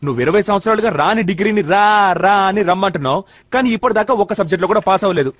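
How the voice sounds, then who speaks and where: A man's voice: sits high, expressive, racing, dry recording. A man playing a young man who talks his way out of trouble and blames his friend. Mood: scolding. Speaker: young man questioned by police. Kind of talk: film comedy acting.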